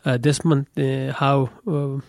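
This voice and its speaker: A man's voice: medium pitch, level tone, slow pace, gravelly, a little mellow, no room sound. A young man from Pakistan, a guest on a radio studio interview, speaking hesitantly with many fillers.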